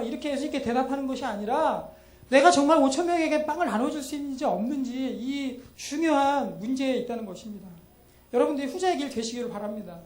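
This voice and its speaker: A woman's voice: high-pitched, a little mellow. A woman junior pastor giving a Sunday sermon in a conversational way, asking the congregation questions and answering them herself, and acting out dialogue in quoted voices. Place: church sanctuary. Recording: echoey church hall with faint noise.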